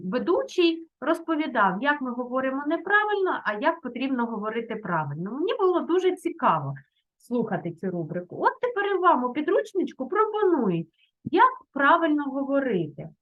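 A middle-aged woman teaching children in a video lesson, speaking gently and encouragingly. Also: high voice, very animated, moderate pace, phone-quality sound. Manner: gentle and encouraging, uses diminutives. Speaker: primary school teacher.

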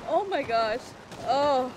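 Giggly woman streamer, slow-paced chatter, faint room noise behind. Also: high-pitched, expressive. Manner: giggly, exclamatory, amused. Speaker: gaming channel host. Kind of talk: laughing live gameplay commentary.

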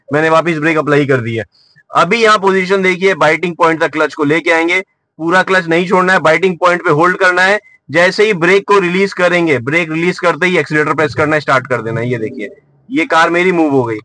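A middle-aged man with a high, bright voice talks through a driving lesson as he drives. He explains each step patiently, and the sound inside the car is dry and close. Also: no room sound, poor audio. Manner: patient, explains while demonstrating. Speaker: driving instructor.

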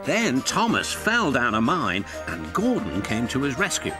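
A man narrating a children's storybook in an expressive storytelling manner, over loud music. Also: medium pitch, measured pace.

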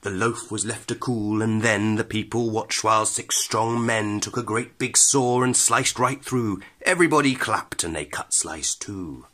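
A man with a fairly low but sharp, forceful voice narrates a children's storybook. His reading is expressive and rhythmic, with dramatic weight on the rhymes. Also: unhurried, few pauses. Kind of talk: expressive scripted read-aloud of rhyming verse.

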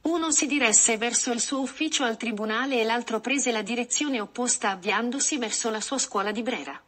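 A woman's voice: a little high, brisk, fairly bright tone. Woman narrating a short story.

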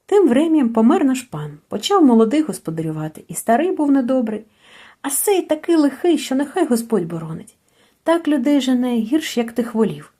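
A woman reading a sad short story aloud in an expressive, mournful storytelling manner. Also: sits high, normal speed. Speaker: reader. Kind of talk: audiobook narration.

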